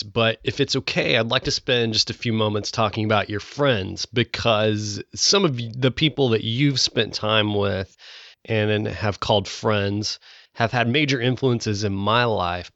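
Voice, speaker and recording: A man's voice: lowish voice, fairly bright tone, no echo, lo-fi sound. Man, podcast host, upbeat presenter voice, dry close mic. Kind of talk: scripted intro then interview.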